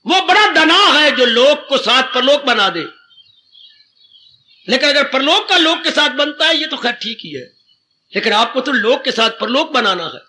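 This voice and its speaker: Older man, devotional sermon, very high voice, recites couplets, faint background hiss. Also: animated, normal speed, pushed and bright. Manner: repeats phrases for emphasis, recites couplets, calls listeners children. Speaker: spiritual teacher.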